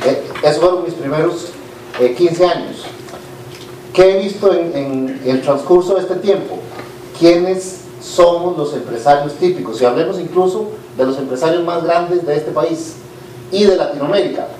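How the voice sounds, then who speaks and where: A middle-aged Costa Rican businessman talks to a conference audience in an informal, candid way, often pausing on "eh". His voice sits a little high and reaches the mic from a distance. The hall rings with echo and there is a faint hiss behind him. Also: warm tone. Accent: Costa Rican Spanish. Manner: informal and candid, frequent "eh" fillers and restarts. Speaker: business leader giving a conference talk. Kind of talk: conversational speech to an audience.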